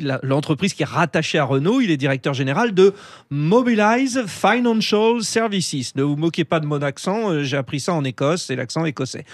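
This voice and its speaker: Chatty French radio host, man. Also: a little high. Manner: chatty, many fillers like hein and euh. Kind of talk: radio talk show hosting.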